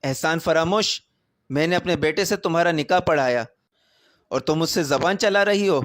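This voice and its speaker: A man's voice: on the high side, fairly bright tone, no room sound, clean studio sound, close to an everyday voice. A man voicing a domineering mother who scolds curtly. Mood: scolding. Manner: scolding, curt. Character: domineering mother who favors one son.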